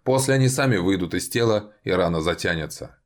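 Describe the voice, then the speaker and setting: A man's voice: low voice, expressive, fairly quick. A man voicing a brash, boastful ancient male vampire who speaks in a raised, cocky voice. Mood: reassuring.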